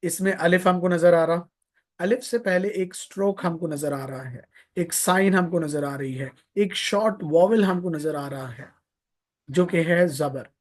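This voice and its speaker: A man's voice: on the high side, measured pace. A man teaching Quran recitation in a live online lesson, patiently repeating points, drawing out vowel sounds to demonstrate them and sprinkling in pious blessings.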